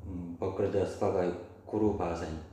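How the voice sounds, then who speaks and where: A middle-aged Korean man with a Korean accent, a foreigner speaking halting, simple Indonesian as he answers casual interview questions. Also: sits low, steady tone, warm tone. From South Korea, village near Gwangju. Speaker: Korean language teacher, interview guest. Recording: very echoey room, faint noise.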